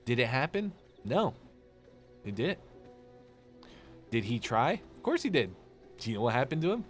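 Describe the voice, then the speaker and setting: A man ranting on a live game stream, animated, sarcastic and full of swearing. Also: medium pitch, normal speed, soft background music. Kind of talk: casual live-stream rant.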